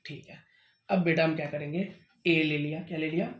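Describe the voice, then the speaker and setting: A man's voice: fairly high pitch, steady tone, normal speed, reverberant, a little hiss or hum. A man tutoring a student through maths steps at home, patiently checking that each step is understood. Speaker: maths teacher. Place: teaching at home.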